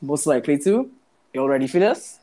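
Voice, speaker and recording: A young woman from Trinidad with a Trinidadian accent, co-hosting a casual podcast chat, laughing often and chiming in with quick agreement. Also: low voice, very animated, mellow. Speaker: podcast co-host.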